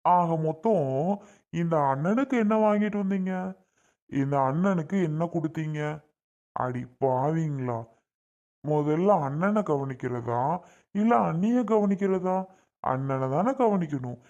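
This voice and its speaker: Teasing elder brother, woman doing the part, low voice, mock-scolding family skit. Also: animated, a little slow, pauses often, mellow, highs cut off. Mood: mock complaint. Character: teasing elder brother, middle-aged man.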